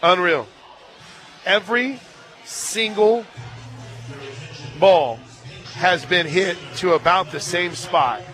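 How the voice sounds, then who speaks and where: Speaking slowly with long pauses, an American play-by-play man calls a game live on the radio from a stadium booth. His voice sits high and is a bit bright, with faint music and ballpark crowd sounds in the background.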